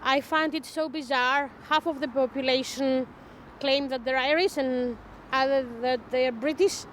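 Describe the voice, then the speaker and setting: A woman in her fifties from Greece, speaking with a Greek accent in a documentary interview, earnest and a little halting. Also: high voice, fairly even intonation, low-quality recording. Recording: light background noise.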